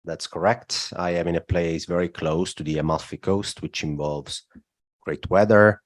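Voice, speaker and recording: Male guest, very low voice, dry close sound, steady explainer with filler pauses. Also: no room sound. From southern Italy. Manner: explanatory, frequent "look" and "uh" fillers. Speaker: guest, macro strategist. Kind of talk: podcast interview.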